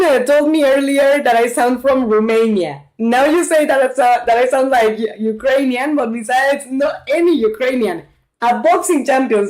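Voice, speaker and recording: A woman's high, slightly mellow voice comes through poor audio as she gives casual commentary on a farming game. The streamer, from Mexico, talks to her viewers and reacts aloud while playing.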